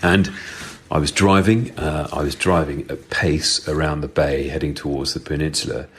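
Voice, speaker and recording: Man through a deep voice changer. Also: steady tone, normal speed, a little hiss or hum. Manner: chatty, rambling storyteller with filler ums. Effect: voice changer pitching the voice very deep. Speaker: listener sending in a story. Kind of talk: recorded voice message telling a personal story.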